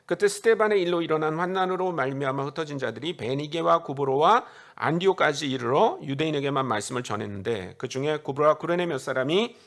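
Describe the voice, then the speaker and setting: A man's voice: fairly high pitch, vocal fry. A middle-aged man, a missionary preacher, giving a conversational sermon in a church and putting questions to the congregation. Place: church sanctuary.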